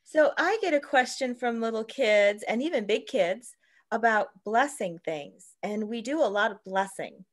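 A woman's voice: on the high side, animated, normal speed. A middle-aged woman hosting a friendly interview for children over a video call. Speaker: host. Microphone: video call microphone.

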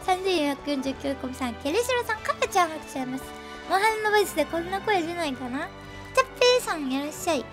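Game music plays behind a woman live-streaming a game, her very high voice swinging widely in pitch as she talks rapid-fire. She is chatty and laughs often in this casual commentary, sounding a bit nasal from a cold.

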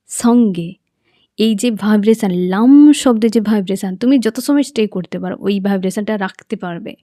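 Lady teaching meditation slow and patient, mellow tone, dry mic. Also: medium pitch, no room sound. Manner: patient, repeats and checks understanding. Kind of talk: guided meditation instruction.

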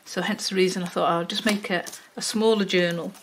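Working at her craft table indoors, a Welsh-born older woman narrates a tutorial in a lowish, steady voice that runs a little fast. Her Wirral accent carries both Welsh and Liverpool sounds, and she's chatty, with lots of ums and asides to herself. An overhead camera shows just her hands, and a little hiss or hum is audible.

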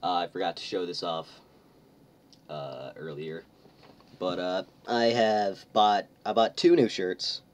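A man's voice: deep voice, fairly even intonation, slow pace, far from the mic. A man hosting a comic read-through of a fan-fiction story, joking and stumbling over the text with chuckling asides. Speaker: online reader, channel host. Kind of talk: comic dramatic reading.

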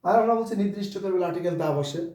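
Male teacher, mellow, slightly high voice, spells words out and answers his own questions; distant mic, very echoey room. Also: very fast. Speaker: English teacher. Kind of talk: spoken English lesson.

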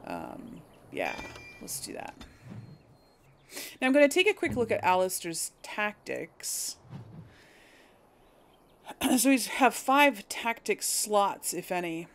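Taking things slowly and pausing often, this woman speaks at a medium pitch with huge swings in intonation. She hosts a role-play game playthrough, musing aloud to viewers in hesitant, self-correcting casual commentary.

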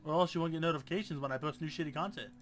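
Sarcastic young man with a bright voice. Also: fairly high pitch, very fast, slight background noise. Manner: sarcastic, swears often, jokey. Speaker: gamer. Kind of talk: casual let's-play commentary.

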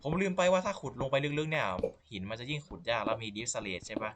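A man's voice: mid-range voice, lively intonation, brisk, background noise. A man giving casual, profane, self-mocking commentary as he plays a game. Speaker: gameplay commentator. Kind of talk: casual let's-play commentary.

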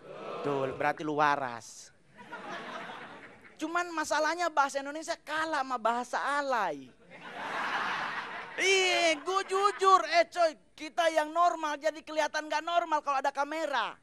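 A man doing stand-up on a TV studio stage into a handheld mic, talking loud and animated in slangy street speech. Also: very high-pitched, unhurried, long pauses. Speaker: stand-up comedian. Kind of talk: stand-up comedy set. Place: TV studio stage with live audience. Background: audience laughter.

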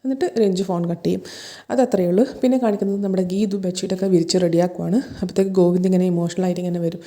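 Woman recap host, quick, even delivery, mellow dark tone, 'and then' storytelling. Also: on the low side. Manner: rapid storytelling strung together with repeated 'and then'. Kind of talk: casual retelling of a TV serial episode.

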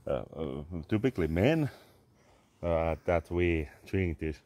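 A Finnish man in his thirties vlogs outdoors in a garden among trees, holding his phone at arm's length for a casual, rambling selfie video. His voice sits low with a darkish tone and is animated, while his halting English is full of "uh" fillers and swearing as he sips a drink.

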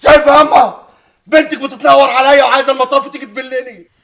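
A whiny young man in love, with an Egyptian Arabic accent. His voice is very high, gravelly and bright, and he talks fast. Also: flat delivery, exaggerated voice.

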